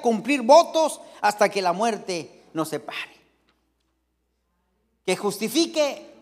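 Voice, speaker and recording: Very high-voiced preacher. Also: male voice, fairly bright tone, big-room sound. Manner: folksy, joking, keeps addressing the congregation. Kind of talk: sermon.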